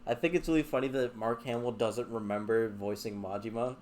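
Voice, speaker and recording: A man's voice: mid-range voice, fairly even intonation, brisk, darkish tone. A man chatting casually as host, rambling with filler words and laughs, swearing lightly. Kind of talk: casual chat.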